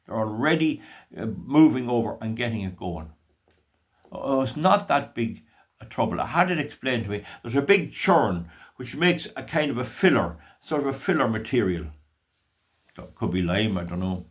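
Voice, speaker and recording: Man, casual commentary, mid-pitched voice, rambling, tongue-tied restarts, folksy asides. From Ireland. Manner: rambling, stumbles over words and restarts.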